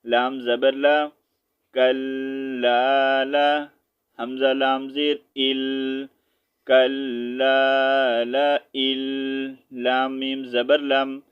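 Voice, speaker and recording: A man teaching Quran recitation, spelling out letters and reciting slowly, then explaining in quick asides with a Pakistani Urdu accent. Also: mid-range voice, completely flat delivery, clean tone, muffled recording.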